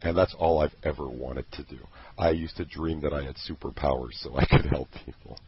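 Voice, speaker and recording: A man's voice: a bass voice, fairly even intonation, a little fast, husky. A man promoting a program he created, talking in an earnest, passionate way with many restarts. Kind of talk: casual promotional chat. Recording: dull lo-fi recording.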